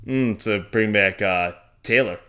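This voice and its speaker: A man's voice: on the low side, measured pace, bright, forceful tone, clear, resonant tone. A man co-hosting a podcast in casual chat, joking and laughing often. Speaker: podcast co-host.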